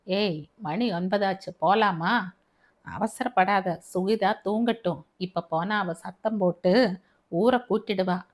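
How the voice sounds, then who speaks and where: A woman's voice: mid-range voice, takes it slowly. Woman reading as drunk men plotting crudely. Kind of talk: audiobook narration.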